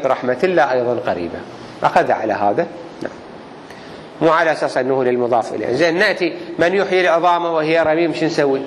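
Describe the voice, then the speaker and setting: Guy teaching grammar in a big echoey hall, slightly high voice, slow and careful, faint hiss. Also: fairly bright tone. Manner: slow, deliberate explaining with spoken examples. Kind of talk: classroom lesson on Arabic grammar. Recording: reverberant hall, faint background noise.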